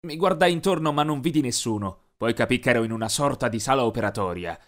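Lively, expressive male narrator. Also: mid-range voice, fast talker. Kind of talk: scripted animated story narration.

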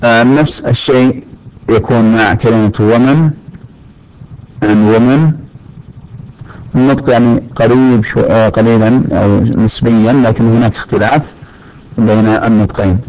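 A man teaching an English grammar lesson, speaking slowly and deliberately, with many fillers and repeated words. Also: mid-range voice, fairly even intonation, darkish tone, rough recording. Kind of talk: recorded classroom lesson. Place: lecture recording.

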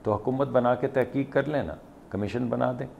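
A man's voice: medium pitch, normal speed, gravelly. A man, a political panelist speaking from a remote studio, arguing insistently point by point. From Pakistan. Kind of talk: heated political debate. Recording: muffled remote link with faint noise.

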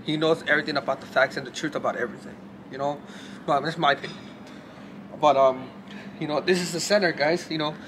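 A young man with a voice on the high side talks quickly to camera in a casual vlog, shaking from cold and peppering his speech with swearing and fillers. His friend films handheld as they move from a noisy city street to a hotel room with its own room ambience.

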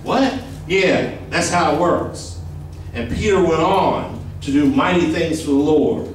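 A middle-aged man delivers a conversational sermon in a small church. His voice sits fairly high and he keeps tossing questions to the pews. The sound is distant and heavily echoey, recorded from the back of the room. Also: a little slow, slight background noise. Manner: emphatic, conversational preaching with rhetorical questions. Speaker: pastor. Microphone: handheld mic.

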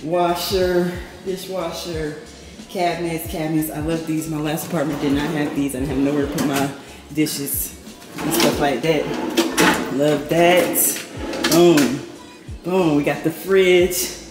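An unhurried woman with fairly even intonation shows off her new apartment in a casual vlog, filming handheld and staying chatty and upbeat. She says "boom" and "period" a lot, and the empty indoor space echoes over background music.

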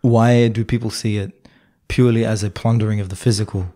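A man's voice: lowish voice, steady tone, brisk, warm tone. A man co-hosting a podcast, talking in a casual, rambling way with many restarts. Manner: rambling, lots of fillers and restarts. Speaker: podcast co-host. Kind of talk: casual discussion.

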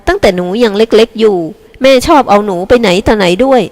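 A woman's voice: fairly high pitch, darkish tone, long reverb tail, voice pushed up, lightly acted. A woman voicing a bitter teenage girl. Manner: resentful, cutting, slow and emphatic. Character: bitter teenage girl resenting her mother.

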